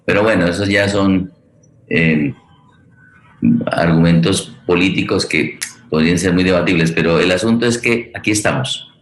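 In a strongly echoing room, a Colombian man with a very deep voice hosts a political and cultural forum in a conversational style. His speech is halting, with repetitions as he hunts for words.

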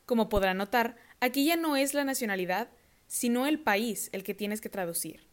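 A woman hosting a scripted podcast lesson, slowly and carefully repeating words for listeners to copy. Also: on the high side, expressive. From Mexico. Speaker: English teacher host of a podcast.

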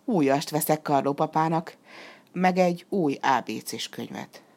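A woman voicing a naive, eager wooden puppet boy in a storybook reading, talking in an excited, chirpy way. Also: low voice.

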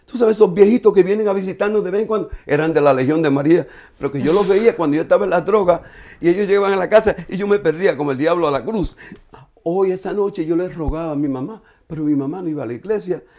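A man sharing an emotional personal testimony, telling it in an earnest, halting way with many restarts. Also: high-pitched, warm tone.

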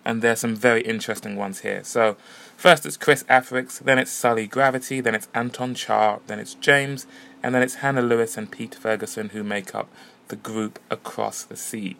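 A man's voice: medium pitch, steady tone, moderate pace, vocal fry, a bit bright. A man hosting a podcast, chatting easily as he introduces and interviews performers at a music venue. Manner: chatty, easygoing. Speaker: podcast host. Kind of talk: casual podcast narration and interviews. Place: music venue and street outside.

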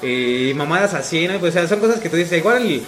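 A man's voice: a little high, lively intonation, fairly quick, fairly bright tone. A young man with a Mexican accent rambling casually, tagging his sentences with questions. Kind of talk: casual chat. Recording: roomy sound with faint music behind.

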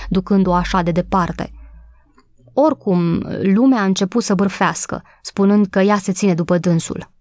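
A woman reads a storybook aloud with a steady, expressive delivery at a middle pitch. The recording is very dry and close, with no trace of the room. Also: dry recording. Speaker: audiobook narrator. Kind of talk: storybook narration.

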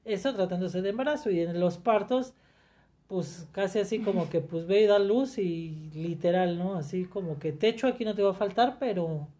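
A woman's voice: medium pitch, mellow. A middle-aged woman, reflecting candidly in conversation, often restarting her sentences. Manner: reflective, speaks in halting restarts. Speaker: guest sharing her story.

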